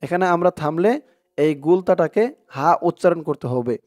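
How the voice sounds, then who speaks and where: A man with a Bangladeshi Bengali accent teaching Quran reading, spelling out letters and drawing out chanted words slowly. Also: a little high, darkish tone, no room sound, studio quality. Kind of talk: slow recitation lesson.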